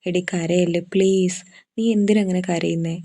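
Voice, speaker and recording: Woman doing steady supportive girl friend, calming, low flat voice. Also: moderate pace. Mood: reassuring. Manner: firm and reassuring.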